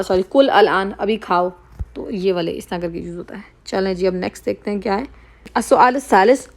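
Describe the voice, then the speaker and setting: A woman teaching Arabic vocabulary, saying each word slowly, repeating it and explaining its meaning. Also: fairly high pitch. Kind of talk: slow explanatory lesson, mixing Hindi-Urdu and English.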